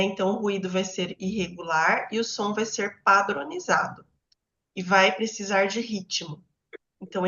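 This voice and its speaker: A woman with a Brazilian Portuguese accent leads a book club in a relaxed teaching manner, often pausing to check in with her listeners. Her voice sits in a middle register. The recording is roomy and somewhat dull, like lo-fi audio. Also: mid-range voice. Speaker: book club host and educator. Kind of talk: explanatory teaching talk.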